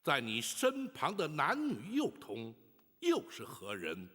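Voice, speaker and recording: An actor playing a stern, upright ancient magistrate holding court, declaiming in a slow, solemn manner. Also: male voice, on the high side, huge pitch swings, pushed and bright, husky, exaggerated voice. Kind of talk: period TV drama acting. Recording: reverberant hall with music.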